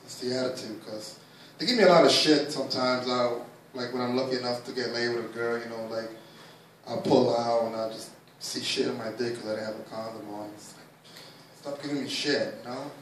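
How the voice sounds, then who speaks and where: A man's voice: mid-range voice, fairly even intonation, a little fast, a little hiss or hum. A man from New York doing a live stand-up set, rambling with lots of fillers and crude talk. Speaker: stand-up comedian. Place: comedy theatre stage. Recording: echoey room, from a distance.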